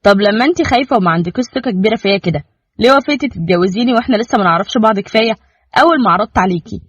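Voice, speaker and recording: A man's voice: high-pitched, animated, rapid-fire, husky, no room sound. A man voicing a blunt, protective young army officer with an Egyptian Arabic accent in a storybook reading. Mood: firm. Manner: firm and blunt. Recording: dull lo-fi dry recording.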